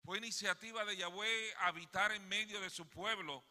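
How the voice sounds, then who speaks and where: With his accent marking him as Puerto Rican, this preacher speaks emphatically at a moderate pace, his high voice sharp in tone and fairly even in intonation. Tag questions invite the congregation to agree, and the sanctuary gives a long hall reverb.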